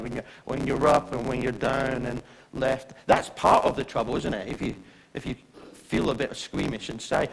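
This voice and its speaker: Male preacher, chatty and conversational, gravelly voice with lots of pitch movement. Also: low-quality recording. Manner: chatty, asks the audience questions. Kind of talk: conversational sermon.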